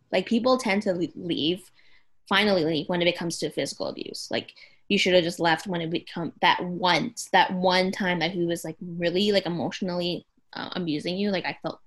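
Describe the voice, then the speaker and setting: A young woman co-hosting a podcast, talking in a rambling, emotional way with lots of "like". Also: fairly low pitch. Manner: rambling, heavy use of "like", emotional. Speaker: podcast co-host. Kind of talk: casual chat.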